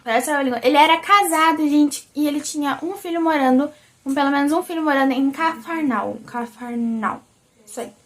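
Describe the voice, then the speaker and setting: A young woman with a Brazilian accent hosts a casual vlog. Her voice is high and squeaky, almost childlike, and she talks in an animated way. She keeps turning to her viewers as she chats. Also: fast talker. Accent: Brazilian Portuguese. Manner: animated and chatty, often calls the viewers "gente". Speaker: vlogger. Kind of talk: casual religious video chat.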